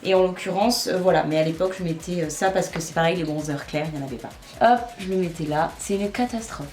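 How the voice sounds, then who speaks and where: Faint music plays in an echoey room as a young beauty vlogger chats fast through her makeup tutorial. Her voice sits on the low side, steady and a little mellow, and she teases herself while she works.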